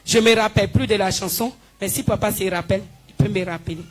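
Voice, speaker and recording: A woman giving a spoken healing testimony in church, telling her story with lively, acted-out dialogue. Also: medium pitch, fast. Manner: animated storytelling, acting out dialogue with the pastor. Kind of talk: spoken testimony before a congregation.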